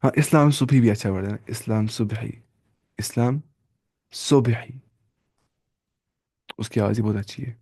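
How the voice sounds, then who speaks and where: A man teaching a live online Quran reading lesson, drilling letters and sounds slowly one by one. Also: mid-range voice, warm tone, husky. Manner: slow drawn-out letter-by-letter drilling.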